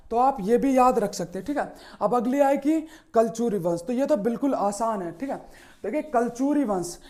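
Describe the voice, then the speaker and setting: A man teaching history, walking students through memory tricks with a mellow, soft tone. He poses his own questions and answers them right away, closing nearly every point with a quick okay. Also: very high voice.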